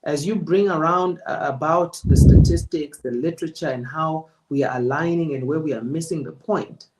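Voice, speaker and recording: A man giving a presenter spoken feedback as a public speaking coach, in a measured, emphatic, deliberate way. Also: fairly high pitch, poor audio.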